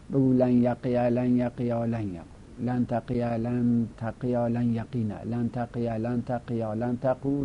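A male teacher giving a grammar lesson, drilling word forms aloud and repeating them slowly for students. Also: medium pitch, muffled recording, slight background noise.

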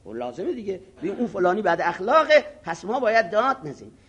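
A man's voice: sits high, husky, lo-fi sound. A man preaching a moral sermon to seminary students, acting out arrogant voices and mocking himself. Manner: animated, acts out arrogant voices, self-mocking; chants Arabic scripture slowly. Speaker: cleric teaching ethics.

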